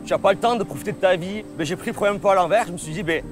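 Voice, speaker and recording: A man's voice: high voice, very fast, music in the background. A man in his thirties from southern France, speaking earnestly in a documentary interview. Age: 30s.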